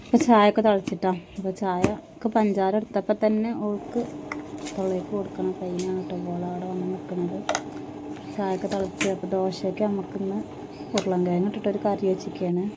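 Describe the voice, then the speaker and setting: A woman, talking casually in her home vlog and gently coaxing and soothing her children. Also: medium pitch, flat delivery, quick pace, noisy background. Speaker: family vlogger and mother. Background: background music.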